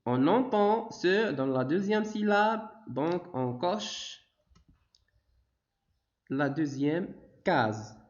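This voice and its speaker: A male teacher with a Moroccan accent speaks in a high, bouncing voice, stretching every word very slowly. He guides young children through a phonics lesson and keeps praising them. The sound is dull and lo-fi. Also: expressive. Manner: drawn-out, sing-song delivery with frequent praise. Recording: dull, lo-fi recording.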